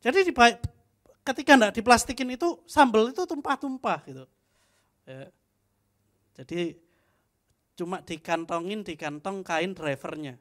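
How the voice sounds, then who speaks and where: High-voiced joking young preacher. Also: male voice, sing-song, unhurried, long pauses, a bit bright. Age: young adult. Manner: chatty, joking, frequent tag "ya". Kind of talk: youth fellowship sermon, casual storytelling.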